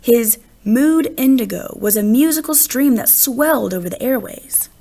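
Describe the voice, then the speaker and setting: A woman with a fairly high, gravelly voice reads a children's picture book aloud as an expressive narrator. Her phrasing is deliberate, with stressed words throughout.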